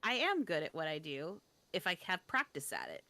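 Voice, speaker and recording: A young woman telling a story in casual chat, self-deprecating, with frequent quick restarts. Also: deep voice, huge pitch swings, creaky, bright, forceful tone, no echo.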